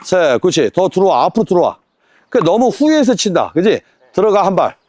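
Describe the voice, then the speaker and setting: High, lively tennis coach with a dry sound. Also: male voice, a little fast, no room sound. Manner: drills with counts, rhetorical questions, commanding. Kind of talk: on-court tennis lesson.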